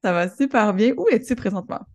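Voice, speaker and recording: A woman's voice: medium pitch, a little fast, a little mellow. A woman hosting an online interview, enthusiastic and encouraging toward her guest. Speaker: interviewer and host. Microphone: video call.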